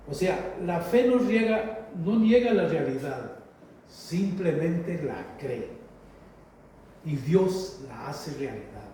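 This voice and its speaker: A man preaching a sermon in a slow, emphatic way, repeating phrases and calling listeners brothers, with a heavy cathedral-like echo. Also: fairly high pitch, dark tone. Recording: very echoey hall, voice from far off, faint noise.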